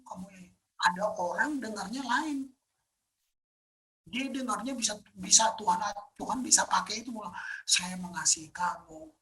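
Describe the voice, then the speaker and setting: Woman, pastor, conversational sermon, bright voice, emphatic, whispered asides. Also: mid-range voice, normal speed, long pauses, low-quality recording. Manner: emphatic, often dropping to a hushed whisper; casual conversational preaching with fillers.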